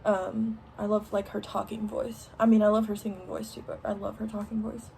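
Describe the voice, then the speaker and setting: A young woman with a soft Southern country accent chats through a get-to-know-me Q&A while doing her makeup at home. Her voice sits at a mellow, warm tone, picked up on a camera mic with a faint hiss of room ambience behind her. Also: mid-range voice, little pitch movement, a little fast, gravelly. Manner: chatty, many ums and likes. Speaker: vlogger. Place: home, indoors.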